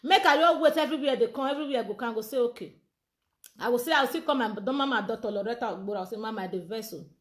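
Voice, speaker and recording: A Nigerian woman with a high-pitched voice speaks in a live social media monologue. She sounds heated and insistent, and she keeps demanding to be heard. She comes across as a campaign organizer speaking her mind. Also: very fast, hardly any pauses.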